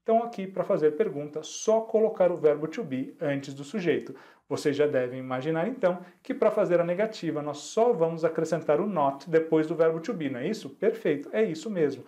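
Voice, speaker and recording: Brazilian guy teaching english online, kinda high voice but soft and mellow, keeps asking if everyone's following. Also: animated, lo-fi sound. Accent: Brazilian Portuguese. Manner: patient, repeats each example slowly; checks in with the class often.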